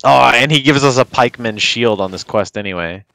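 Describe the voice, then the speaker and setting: A man's voice: medium pitch, a little fast, vocal fry, a bit bright. A man chatting casually over gameplay with a friend like a hyped gamer bro, slangy and sweary. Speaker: gaming streamer.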